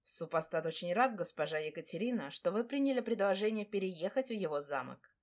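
A woman voicing a proud, brooding male dragon lord who speaks tenderly to his fiancée, in a low, hushed tone. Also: animated, fairly quick, close to an everyday voice.

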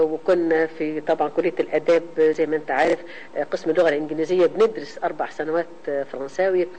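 Quick-talking older Egyptian woman, low register. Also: mellow, muffled recording, a little hiss or hum. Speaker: interviewee. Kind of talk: reminiscing in conversation.

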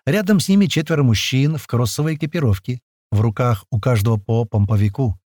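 A man narrating a first-person audiobook in a lively, slangy, conversational way. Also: medium pitch, a little fast, no room sound, studio quality.

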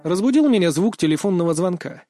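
A man's voice: high-pitched, animated, fast talker, warm tone, no echo, faint music behind. A man narrating a first-person audiobook in a dry, wry, grumbling manner.

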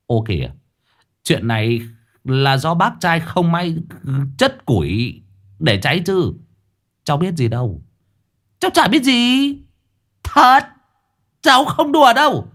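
A man's voice: high-pitched, a bit bright, voice pushed up, exaggerated voice. A man voicing a sly, roguish middle-aged exorcist who mumbles sheepishly and talks his way out of trouble.

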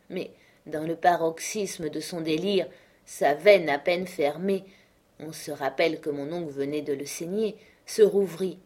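A woman narrating an audiobook in a measured, steady way. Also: low-pitched.

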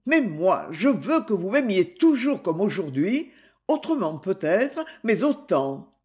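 A man's voice: high voice, darkish tone. A man voicing a proud, tender young woman in love, grave and fervent.

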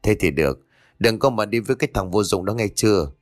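A man's voice: fairly low pitch, lively intonation, quick pace, no room sound, clean studio sound, faint music behind, lightly acted. A man voicing a nosy, protective older mother warning her daughter. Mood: stern.

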